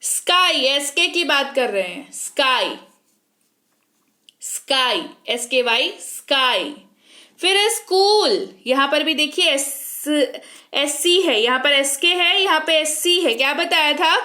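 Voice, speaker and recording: A woman's voice: sits high, expressive, slow pace, pushed and bright. A young woman teaching English pronunciation in an online lesson, patiently explaining and quizzing her listeners with repeated questions.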